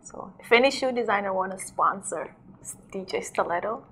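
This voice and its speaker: A woman's voice: mid-range voice, animated, moderate pace, a bit bright, slight background noise. A young woman from South Sudan, a DJ and model, talking in a casual interview with lots of fillers and laughter, recorded on a lapel mic in a studio. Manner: chatty, laughs often, many "like"s and fillers.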